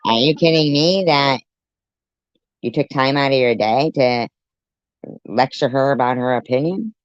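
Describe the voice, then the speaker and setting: A commentator with a deep pitch-shifted voice, reacting to a clip with blunt, profane sarcasm. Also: measured pace, dry recording, dull audio. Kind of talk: ranting commentary.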